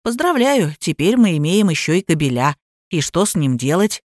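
A woman reading an audiobook voices a sarcastic young man with a flat, cutting delivery. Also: lowish voice, normal speed, dry recording, clean studio sound. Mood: deadpan. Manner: deadpan sarcastic.

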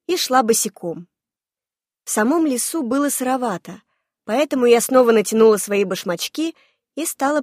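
Expressive woman narrating a novel. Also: a little high, no echo, studio quality. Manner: lively, expressive first-person reading. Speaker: audiobook narrator. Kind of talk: scripted narration of a fantasy novel.

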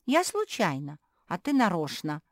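A woman's voice: fairly low pitch, huge pitch swings, unhurried, dry recording, clean studio sound, exaggerated voice. A woman voicing a feisty youngest pug sister in a storybook, talking cheekily and shrilly. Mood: cheeky, shrill.

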